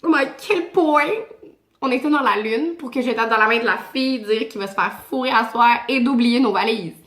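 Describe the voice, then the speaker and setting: Animated Québécoise woman, echoey room. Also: fairly high pitch, normal speed. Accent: Québécois French. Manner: animated, slangy, chatty. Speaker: vlogger. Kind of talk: casual storytime.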